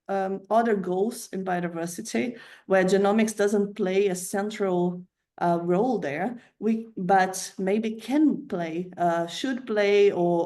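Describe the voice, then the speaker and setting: A woman from Brazil giving a prepared talk to colleagues, measured and hesitant, with frequent fillers and self-corrections. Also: fairly low pitch, dark tone. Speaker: candidate presenting a funding plan.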